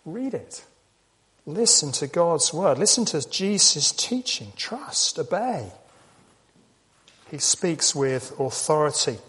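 A man's voice: on the high side, sing-song, takes it slowly, fairly bright tone. A man preaching a sermon in a conversational way, asking rhetorical questions and repeating key lines.

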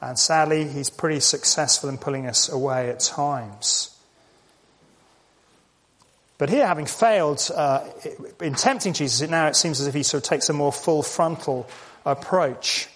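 A man delivers a sermon in an easy, conversational manner. His voice sits a little high, and he leans on rhetorical questions and repetition to drive his points home. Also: unhurried, a bit bright. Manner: conversational, rhetorical questions, repeats key lines. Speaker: preacher.

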